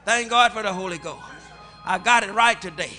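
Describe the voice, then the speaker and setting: A middle-aged man preaching a call-and-response sermon as bishop, chanting short phrases that rise to shouts. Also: high-pitched, a little fast. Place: large church sanctuary with congregation. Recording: music and crowd noise from a church service.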